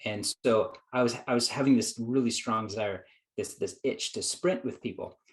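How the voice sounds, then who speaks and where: With a medium pitch and moderate pace, a US psychologist and productivity coach tells his story as a guest. It is earnest, reflective conversational storytelling in which he acts out what he used to think.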